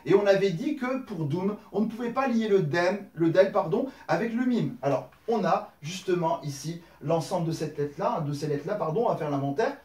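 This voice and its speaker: Lively high-voiced man teaching at a board. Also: a little fast, hardly any pauses, echoey room, recorded from a distance. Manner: explains step by step, says "alors" and "d'accord" often. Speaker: Arabic teacher. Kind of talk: whiteboard lesson.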